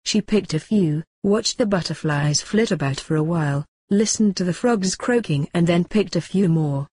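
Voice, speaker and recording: A woman narrating a storybook tale in a soft, even reading voice. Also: lowish voice, normal speed, husky.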